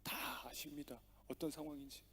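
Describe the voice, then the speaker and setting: A man's voice: fairly high pitch, steady tone, normal speed, sharp tone, breathy edge. A man preaching a sermon as pastor, telling stories with acted-out dialogue and strong emphasis. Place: church sanctuary.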